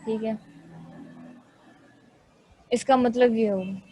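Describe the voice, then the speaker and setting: Female math lecturer, measured and monotone, works through proofs aloud. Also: fairly high pitch, breathy edge, no echo, poor audio. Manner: slow, methodical, thinks aloud while writing.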